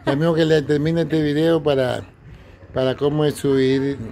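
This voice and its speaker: A man's voice: fairly high pitch, steady tone, normal speed, mellow. A man hosting a casual street interview, asking teasing, joking questions. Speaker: interviewer, channel host. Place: outdoors on a city street.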